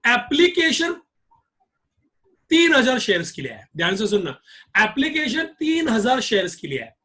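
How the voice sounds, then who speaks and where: A man's voice: extremely high pitch, huge pitch swings, moderate pace, bright, forceful tone. A male accounts teacher giving a classroom lecture, drilling his students with repeated questions.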